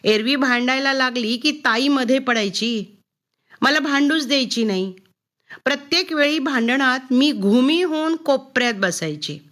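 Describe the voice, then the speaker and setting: High-voiced woman reading a story. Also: unhurried. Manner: expressive first-person narration.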